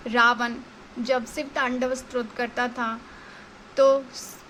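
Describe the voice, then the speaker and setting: A woman's voice: a little high, flat delivery, slow pace, bright, forceful tone, a little hiss or hum. A woman teaching devotional Sanskrit recitation, explaining and chanting syllable by syllable. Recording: music playing behind.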